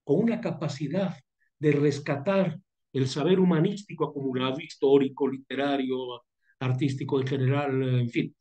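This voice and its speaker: A man's voice: medium pitch, fairly even intonation, dark tone. An older man with a Mexican Spanish accent leading a university seminar, speaking in a thoughtful, digressive way and coughing from a cold. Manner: thoughtful, digressive, pausing and restarting phrases. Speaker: seminar leader.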